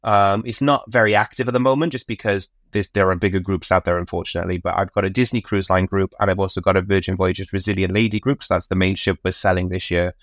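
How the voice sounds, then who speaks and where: A man hosts a podcast in a relaxed, rambling chat full of fillers and restarts. His voice sits a little low. It is recorded close and dry, with no room sound. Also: fast, hardly any pauses, no echo. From United Kingdom. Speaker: podcast host and cruise travel agent.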